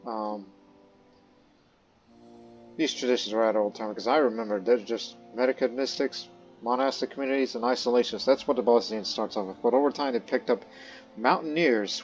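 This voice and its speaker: Speaking in Croatian, which he learned as a second language rather than natively, a let's play host offers loose strategy-game commentary at a middle pitch, packed with fillers and restarts and occasionally in character as his ruler. Soft game music runs under a slightly dull recording.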